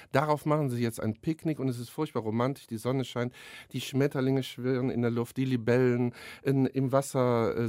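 Hesitant children's author, dry studio sound. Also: male voice, medium pitch, darkish tone, no room sound. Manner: hesitant, restarting when speaking freely. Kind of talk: radio interview and reading aloud. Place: radio studio. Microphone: studio microphone.

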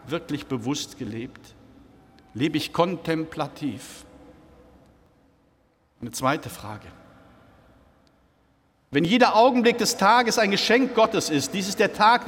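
A man preaching a sermon in a church, slow and reflective, posing question after question to the congregation. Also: high-pitched, lively intonation, a bit bright, slight background noise. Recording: church hall with long reverb.

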